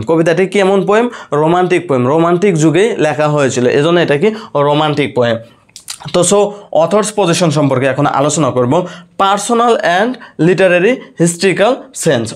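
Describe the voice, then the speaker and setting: A man with a slightly high voice gives a lesson on a poem. He keeps asking his listeners a question and answering it himself. English literary terms run through his talk. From Bangladesh. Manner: asks questions then answers them himself. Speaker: teacher. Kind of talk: lecture on a poem.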